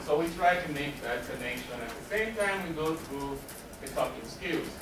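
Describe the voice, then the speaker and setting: A higher-pitched man presents in an echoey room, animated and speaking at normal speed. As a counselor addressing a live audience, he explains things and answers questions he asks himself. A distant mic picks up a roomy sound and noticeable background noise.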